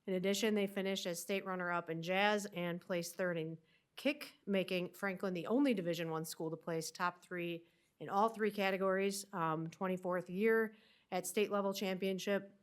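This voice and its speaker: A woman's voice: mid-range voice, moderate pace. A woman with a nasal voice from a winter cold, giving a superintendent's upbeat update at a school board meeting. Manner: upbeat, with many fillers.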